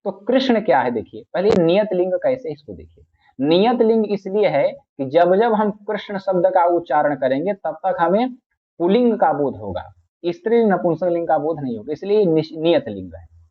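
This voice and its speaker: A man's voice: high-pitched, very animated, moderate pace. A man teaching grammar in a patient lecture, repeating each point and reciting classical phrases. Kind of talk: explanatory lecture. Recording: tinny phone-like audio.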